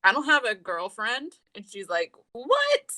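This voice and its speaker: A young woman chats through an anime episode on a podcast. Her voice is bright and pushed forward, and she slips into the characters' lines as she retells the scenes. The sound is dry and close, with no room around it. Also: medium pitch, animated, moderate pace, dry recording. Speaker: podcast co-host. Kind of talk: casual anime recap chat.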